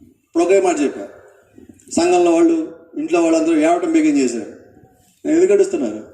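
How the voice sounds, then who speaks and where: A man's voice: a little high, big pitch swings, fast talker, mellow, echoey room, far from the mic. A male pastor preaching a sermon, asking the congregation questions and acting out what people say.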